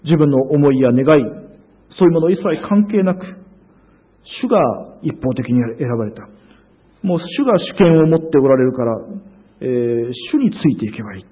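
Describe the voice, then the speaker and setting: A man's voice: medium pitch, lively intonation, normal speed, breathy edge. A man preaching a sermon in an earnest, emphatic way, with frequent hesitations. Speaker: pastor. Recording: phone-like narrow sound.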